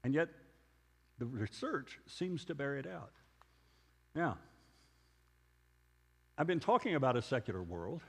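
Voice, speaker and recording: A man's voice: mid-range voice, big pitch swings, measured pace, gravelly, pauses often, a bit bright, slightly rough, big-room sound. A man giving a conversational sermon lecture, telling stories and asking rhetorical questions. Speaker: preacher.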